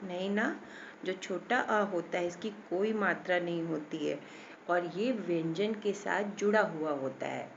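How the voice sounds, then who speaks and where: A woman gives a slow, patient grammar lesson for young children and stretches every syllable as she sounds out words. The recording is a little dull and lo-fi, with a faint hiss underneath. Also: lowish voice, creaky. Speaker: teacher.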